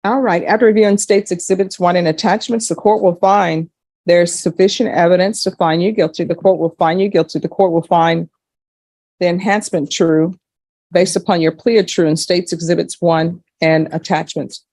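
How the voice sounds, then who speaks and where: A woman's voice: fairly low pitch, steady tone, moderate pace, a little mellow, dry recording. A woman speaking as a judge in a courtroom, formally putting questions and giving rulings. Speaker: judge presiding over a court hearing.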